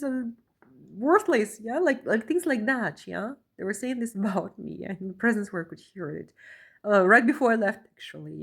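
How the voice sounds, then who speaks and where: Reading a document aloud in an earnest way, this woman from Russia, a vlogger seeking asylum, keeps repeating herself and ending phrases with a rising "yeah?". Her voice is medium in pitch, husky and edged with vocal fry.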